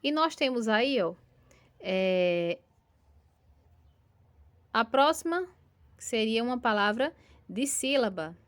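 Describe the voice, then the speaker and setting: A woman's voice: on the high side, animated, takes it slowly, pauses often. A woman teacher with a Brazilian Portuguese accent giving a recorded lesson to young pupils, patiently stretching out syllables and checking in with frequent tag questions. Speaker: primary school teacher.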